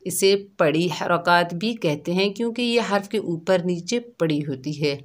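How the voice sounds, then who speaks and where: A woman teaching children to read Quranic letters, speaking patiently and sounding out each syllable slowly. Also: lowish voice, lively intonation. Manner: drawn-out syllable drills, spelling each letter then sounding it; patient, addresses listeners as dear children. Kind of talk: slow, careful recitation lesson for children.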